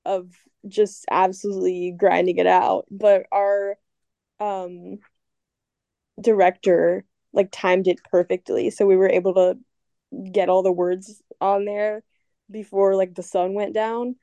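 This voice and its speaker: A young woman from a band, speaking as a podcast guest in a laid-back, easygoing way. Her voice is dark and mellow, and it sounds dry and close. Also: medium pitch, level tone, measured pace, creaky, dry recording. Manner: laid-back, laughs easily. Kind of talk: casual interview.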